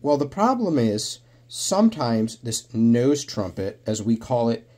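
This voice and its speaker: A man with a nasal voice from a cold he is getting over, hosting an educational reptile rescue vlog and talking straight to his viewers with animated bursts of emphasis. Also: medium pitch, measured pace. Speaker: reptile rescue channel host.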